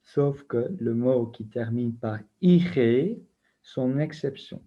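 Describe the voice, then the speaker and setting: A man's voice: mid-range voice, slow pace, warm tone. A man teaching a recorded grammar lesson, patiently spelling out letters and rules one by one. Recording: muffled lo-fi recording.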